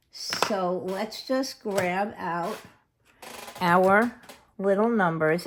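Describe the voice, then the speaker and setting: A woman narrating a casual paper craft tutorial at her worktable, chatty and thinking aloud as she goes. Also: lowish voice. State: has hiccups.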